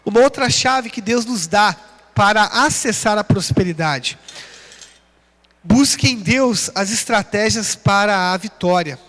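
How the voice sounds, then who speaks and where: A high-pitched man with a Brazilian Portuguese accent preaches a sermon, his voice climbing with emphasis as he sets up each contrast. He reads scripture references between his points. His voice rings out with the long reverb of a large church hall. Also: expressive, unhurried, fairly bright tone. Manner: rising emphatic call-and-response preaching, reading scripture references. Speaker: pastor.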